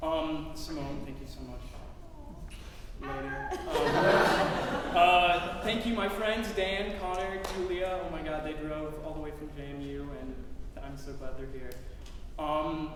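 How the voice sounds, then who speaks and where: A young man in his twenties, out of breath, rushing through a rambling thank-you speech to the audience after his recital. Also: on the high side, noisy background. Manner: rushed, rambling and scattered, with many ums. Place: recital hall on stage. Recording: echoey hall from far off.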